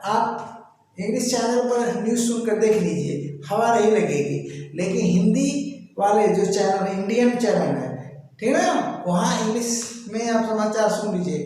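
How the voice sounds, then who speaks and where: A man teaching English grammar in Hindi at a board, talking loudly and emphatically, with sharp scolding asides. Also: sits high, expressive, unhurried, a little hiss or hum. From North India. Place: classroom with a board. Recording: echoey room, far from the mic, faint ambience.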